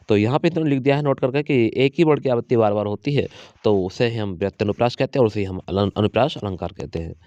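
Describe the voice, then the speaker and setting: Man teaching exam prep, mellow and dry. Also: mid-range voice, clean tone, no room sound. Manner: repeats key points, quizzes students rhetorically; slows to recite verse lines. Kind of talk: exam coaching lesson. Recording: dry, dull lo-fi sound.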